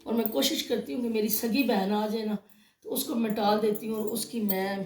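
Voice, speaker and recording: A woman's voice: mid-range voice, darkish tone, echoey room. A woman with a Pakistani Urdu accent, telling a personal story in a casual vlog, emotional and hurt. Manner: emotional, tells of a quarrel, acts out both sides. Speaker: vlogger.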